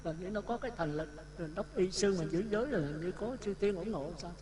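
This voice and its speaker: A man with a Southern Vietnamese accent, a Buddhist monk telling a lively story in a sermon and acting out the dialogue. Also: high voice, fast. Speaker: Buddhist monk giving a dharma talk. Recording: talk with audience sounds behind. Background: listeners laughing.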